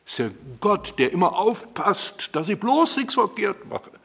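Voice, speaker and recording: A middle-aged man preaching a sermon to a congregation in a conversational, animated way, speaking to them directly. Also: high-pitched, a little slow, gravelly. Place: church hall before a congregation. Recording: long hall reverb.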